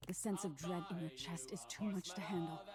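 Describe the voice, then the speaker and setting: Low woman narrator, slow suspenseful game narration, music under it. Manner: measured, suspenseful storytelling. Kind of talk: scripted second-person narration.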